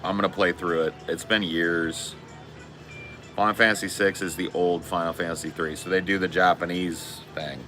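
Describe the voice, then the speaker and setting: Man, 40s, deep voice, forceful tone, laid-back slangy stream chat. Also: steady tone, normal speed, faint music behind. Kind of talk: casual live-stream chat.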